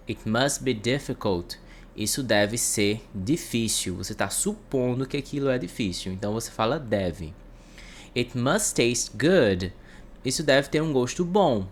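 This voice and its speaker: A man with a Brazilian Portuguese accent, teaching an English lesson and translating each example. He reads the English phrases slowly and with care. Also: mid-range voice, a little hiss or hum. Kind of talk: explanatory online lesson.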